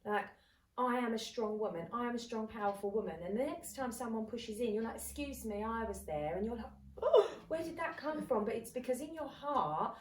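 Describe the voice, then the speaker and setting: A woman in her thirties co-hosts a casual podcast chat, her voice on the high side and brisk as she talks animatedly and acts out what people said. She sits off-mic in an echoey room, so she sounds distant, with a little hiss or hum.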